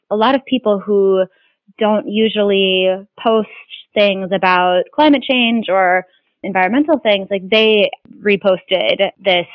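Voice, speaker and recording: A woman answers interview questions in an earnest, rambling way, restarting her sentences often. Her voice sits at a middle pitch. It comes through a tinny, phone-like line with a dry sound. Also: dry recording. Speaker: climate activist being interviewed.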